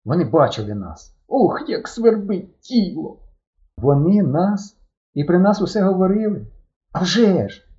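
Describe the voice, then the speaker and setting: A man voicing an excitable, cocky boy in a read-aloud story, who blurts out quick, jumpy exclamations. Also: high-pitched, pitched above the performer's own voice. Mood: excited. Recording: muffled lo-fi recording.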